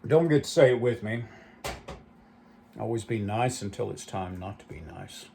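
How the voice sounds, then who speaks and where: Against a noisy background, a man with a lowish, gravelly voice speaks animatedly at normal speed. He hosts his own channel and wanders through nostalgic stories with plenty of asides.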